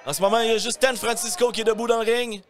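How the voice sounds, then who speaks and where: A man with a Quebec French accent calling live wrestling play-by-play as an excited commentator who often shouts and exclaims. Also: very high-pitched, rapid-fire, faint music behind. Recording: live event with crowd noise.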